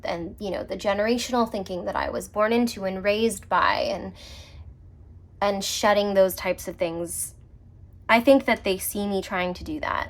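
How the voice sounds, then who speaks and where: A woman giving a casual, personal tarot reading on camera, reflective and quick to laugh, trailing off and restarting as she talks. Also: medium pitch. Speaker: tarot reader.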